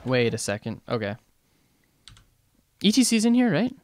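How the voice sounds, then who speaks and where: A man coaching a game team over voice chat, breaking down a replay in a casual, animated way and quizzing the players. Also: medium pitch, normal speed, faint music behind. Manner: animated, asks the team questions, many fillers. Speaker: esports coach reviewing replays.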